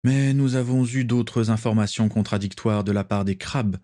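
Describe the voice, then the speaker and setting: A man voicing an eager, excitable young aristocratic wizard who speaks earnestly. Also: on the low side, normal speed, close to an everyday voice. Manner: animated, earnest.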